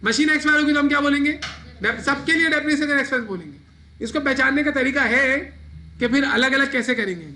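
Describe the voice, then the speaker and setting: A man's voice: extremely high pitch, a little fast, sharp tone, slight background noise. A man teaching an accounting class, asking his students questions and answering them himself. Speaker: accounting lecturer. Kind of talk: classroom lecture.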